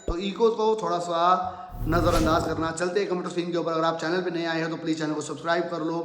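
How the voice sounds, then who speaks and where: A man's voice: fairly high pitch, fairly even intonation, quick pace, background noise. A man hosting a market commentary channel, talking viewers through the news in a persuasive, promotional way and slipping in English phrases, recorded in a bare room with heavy echo. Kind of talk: casual market explainer to viewers. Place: room with almost no furniture. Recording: echoey sparsely furnished room.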